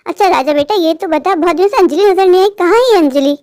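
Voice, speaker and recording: A fussing, affectionate mother bird, voiced by a woman in a cartoon, doting on her son and fearful of loneliness. Her voice is very high. The recording is dry and close. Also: fast talker, darkish tone, no echo. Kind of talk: cartoon voice acting.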